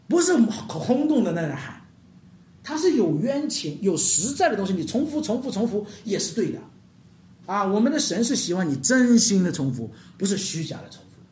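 Male preacher, sermon, high voice, very lively delivery, roomy church hall echo. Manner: animated, acts out quotes, addresses the congregation directly.

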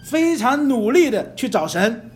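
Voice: medium pitch, very animated, measured pace. A preacher giving an emphatic sermon, often asking the listeners rhetorical questions and dropping English terms into the talk.

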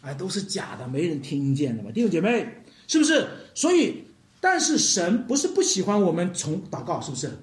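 A man preaching a sermon to his congregation, animated and addressing them directly, acting out the people he describes. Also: high-pitched, brisk. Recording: roomy hall echo.

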